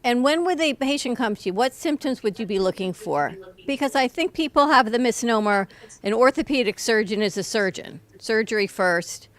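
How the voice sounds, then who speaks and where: A woman hosting a radio interview, asking questions in a friendly, brisk way. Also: fairly high pitch, animated. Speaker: radio host.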